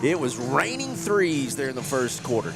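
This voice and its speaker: A man's voice: mid-range voice, very animated, moderate pace, gravelly, over music. A man giving color commentary on a basketball game, laid-back, mostly short agreeing remarks.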